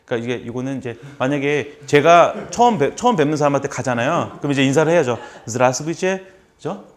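A man teaching a class, patiently repeating short phrases slowly so students can copy them. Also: medium pitch, lively intonation. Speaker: language instructor. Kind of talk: classroom lesson.

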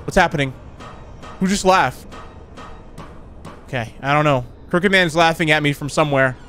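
A young man giving casual commentary as he plays a horror game, sounding scared, jumpy and full of excitable exclamations. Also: on the high side, normal speed. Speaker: video game streamer. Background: game music and sound effects.

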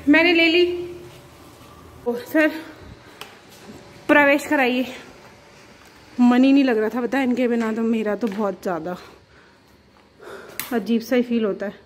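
A woman's voice: a little high, a little slow, long pauses, slight background noise. A young woman from Jaipur chatting casually in her home vlog, playful and teasing. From Jaipur, India. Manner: chatty, playful, laughs and teases. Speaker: vlogger. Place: at home, indoors.

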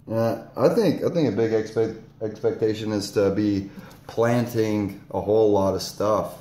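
A man's voice: on the low side, a little slow, mellow. Laid-back young man in an echoey greenhouse. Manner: laid-back, jokey, laughs between lines. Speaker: vlog co-host, farm intern. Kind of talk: casual chat. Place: large dome greenhouse, indoors. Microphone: phone camera at arm's length.

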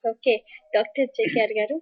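A woman's voice: fairly high pitch, fairly even intonation, a little fast, slightly rough. A woman hosting a call-in TV show, politely taking callers and passing questions to the expert. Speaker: show anchor taking calls. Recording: dull lo-fi TV broadcast audio.

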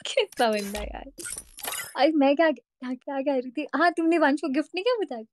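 A woman's voice: high-pitched, expressive, moderate pace, a little mellow, slight background noise. A woman playing a multiplayer game with friends, chatting playfully and mock-complaining. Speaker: co-player. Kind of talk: casual chat during a multiplayer game.

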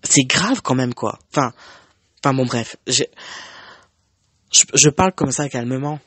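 A young man recounts a painful personal story in a casual, emotional monologue, often stumbling and restarting his sentences. His voice sits in an average middle pitch. The sound is dry and close, with no room echo. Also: a little slow, fairly bright tone, slightly rough. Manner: emotional, conversational, many fillers and restarts. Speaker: vlogger.

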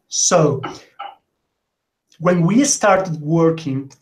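A man in his forties from Argentina, a native Spanish speaker, gives a remote conference talk over a webcam from a room at home. His voice sits on the high side, and he's animated but hesitant, with many fillers. The audio is poor.

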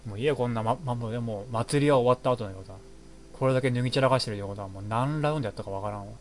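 A man's voice: mid-range voice, very fast, a little hiss or hum. A man hosting a game playthrough, giving jokey, rambling running reactions as he plays. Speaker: let's play host. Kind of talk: casual game commentary.

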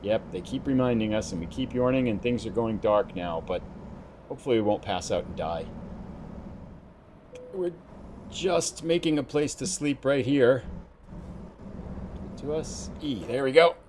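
A man's voice: medium pitch, a little slow, long pauses, background noise. A man hosting a let's play, talking casually and thinking aloud as he drives through the game. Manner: relaxed, chatty, thinking aloud while driving. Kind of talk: casual gameplay commentary.

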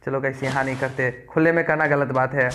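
A man's voice: mid-range voice, steady tone, brisk, a bit bright. A man from India giving playful, teasing commentary over a mobile game and calling out to his viewers. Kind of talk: casual gameplay commentary. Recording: noisy recording with game clicks.

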